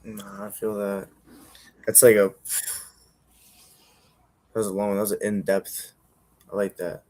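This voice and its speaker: A man's voice: on the low side, little pitch movement, a little slow, dark tone. A young adult man co-hosting a casual podcast, asking long, searching questions filled with "like.". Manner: searching, loose questions full of "like". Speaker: podcast co-host. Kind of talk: casual chat.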